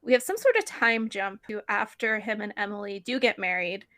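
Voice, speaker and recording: A woman co-hosting a podcast, recapping a film in casual chat, full of "like" fillers and quick laughs. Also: mid-range voice, animated, fairly bright tone. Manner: chatty, frequent "like" fillers and laughs. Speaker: podcast co-host.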